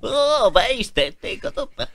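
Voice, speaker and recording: A goofy cartoon father, chatty and well-meaning in a homemade comedy dub. His high, bright voice bumbles along with huge pitch swings, recorded dry. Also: sing-song, full character voice. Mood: fond reminiscing.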